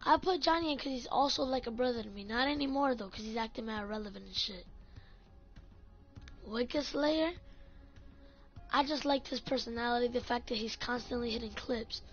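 Over faint music and dull lo-fi sound, a woman with a voice on the high side talks at a normal pace. She's ranting about her gaming clan in a casual vlog, cursing a lot and leaning heavily on "like."

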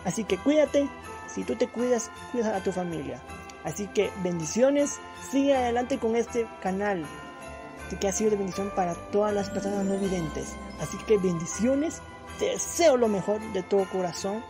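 A man's voice: sits high, lively intonation, moderate pace, over music. A man from Guatemala, sending fervent religious holiday blessings. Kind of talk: recorded holiday greeting.

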